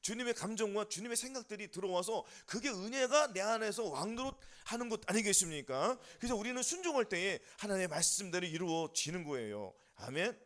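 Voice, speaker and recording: A man's voice: high voice, animated, fairly quick, few pauses, fairly bright tone. A man preaching a sermon as pastor, firing rhetorical questions at the congregation and answering them himself. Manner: call-and-response questions to congregation, rising and falling emphatically.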